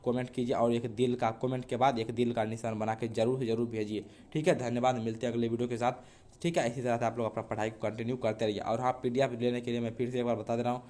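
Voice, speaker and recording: A man's voice: mid-range voice, level tone, fast talker, warm tone. A man from Bihar teaching an online grammar lesson to school students, speaking to them directly and often checking in with "ठीक है".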